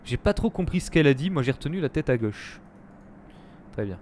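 A man's voice: fairly high pitch, brisk, a little hiss or hum. Chatty man streaming a game live. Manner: chatty, talks to viewers, excitable reactions. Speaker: gaming streamer, host. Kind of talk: live let's-play commentary.

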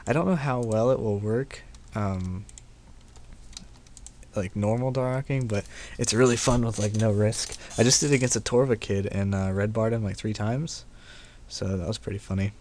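A man's voice: fairly low pitch, steady tone, moderate pace, darkish tone, a little hiss or hum. A young man giving casual, profane gameplay commentary at his computer, laid-back and laughing often. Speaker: gaming video host.

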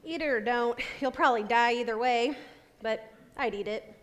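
A woman acts an insolent mob-joint waitress with dry sass. Her high voice rings in a reverberant hall, as in a stage comedy. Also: moderate pace, lightly acted. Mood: sassy. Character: sassy, unbothered mob-restaurant waitress. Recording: echoey hall, stage recording.

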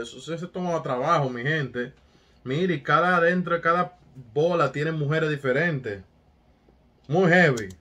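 A man's voice: fairly high pitch, pushed and bright, slightly rough. A man giving hyped, casual commentary as a music reaction host, talking straight to his viewers with street catchphrases.

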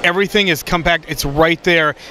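A man's voice: fairly high pitch, fairly quick, bright, forceful tone. A man in his forties interviewing an exhibitor with enthusiastic, short affirmations on a handheld mic in a busy expo hall. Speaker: show interviewer. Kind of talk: trade show interview. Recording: noisy trade show floor.

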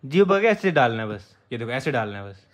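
A man's voice: mid-range voice, very animated, fast. A young man filming a casual home vlog, patiently coaxing and explaining things to a sick child. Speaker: vlogger. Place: family home.

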